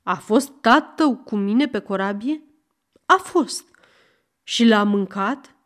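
A woman's voice: mid-range voice, animated, lightly acted. Woman doing an exasperated old judge. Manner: shouting, questioning, exasperated. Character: stern weary old male judge.

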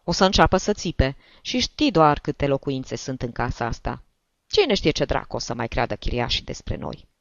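A woman's voice: a bass voice, big pitch swings, creaky, dry recording, exaggerated voice. A woman voicing a nervous, irritable older male bank director who speaks in a fretful, groaning way, on a dull lo-fi recording. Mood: exasperated.

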